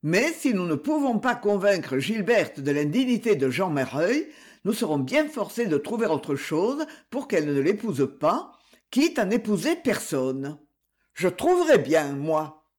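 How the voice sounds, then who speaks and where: A reader voicing an irritated, blunt aristocratic son in an audiobook. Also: male voice, high voice, very animated, unhurried. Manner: irritated, grumbling.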